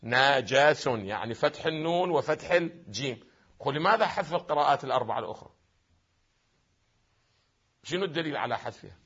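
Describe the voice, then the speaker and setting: A man with an Iraqi Arabic accent giving a classroom lecture on religious texts. He asks the class questions, answers them himself, and draws words out slowly to spell out their vowels. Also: fairly high pitch, lively intonation, fairly bright tone, slightly rough. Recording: slightly dull lo-fi recording.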